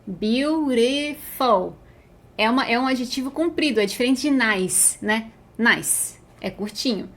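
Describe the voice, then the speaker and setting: A Brazilian woman who speaks Portuguese as her first language, teaching a beginner English grammar lesson. She explains patiently and stretches out each English example word slowly. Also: fairly high pitch, a bit bright.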